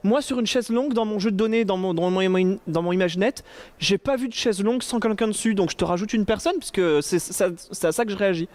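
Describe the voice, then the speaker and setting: A man's voice: high voice, quick pace, darkish tone, no room sound. A man giving a casual, joking conference talk to an audience, chatty with many fillers and restarts. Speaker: conference speaker. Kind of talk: casual tech talk with slides. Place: conference room before an audience.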